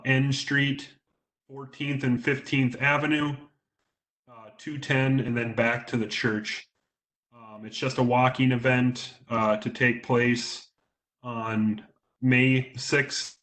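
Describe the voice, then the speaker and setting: Flat-voiced engineer on breaking-up call audio. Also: male voice, medium pitch. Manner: matter-of-fact, hesitant with fillers. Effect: choppy, breaking-up video call audio. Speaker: city engineer. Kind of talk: staff report at a council meeting. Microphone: remote video call.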